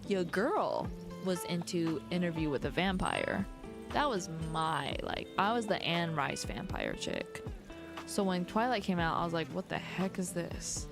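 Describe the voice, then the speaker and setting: A woman live-streaming a cozy game, chatting casually and rambling with lots of "like"s. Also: lowish voice. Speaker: gaming streamer. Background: game background music.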